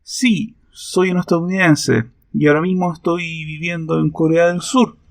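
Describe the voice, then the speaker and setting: A man answering interview questions in a thoughtful, reflective way, with hesitant pauses. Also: on the high side, level tone, creaky, no room sound. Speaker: interview guest.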